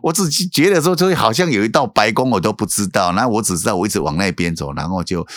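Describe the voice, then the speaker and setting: A man with a low voice and a Taiwanese Mandarin accent tells his life story as a pastor guest. His pitch rises and falls widely, and his speech is halting, with repeated words and frequent "you know?". The sound is close and dry. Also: lively intonation, a bit bright, no echo. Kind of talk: emotional testimony in casual interview.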